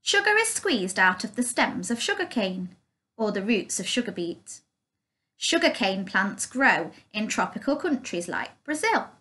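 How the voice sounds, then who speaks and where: A woman reading a children's picture book aloud, slowly, clearly and carefully. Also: medium pitch, fairly bright tone. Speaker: storyteller.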